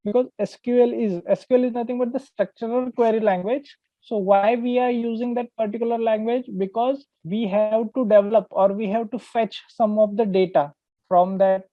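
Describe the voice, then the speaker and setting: A man's voice: high-pitched, steady tone, moderate pace, no room sound. A man with an Indian accent teaches an online database lesson, explaining step by step and repeating his phrases. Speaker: database trainer. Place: online call with screen sharing. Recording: narrow phone-like call audio, dry.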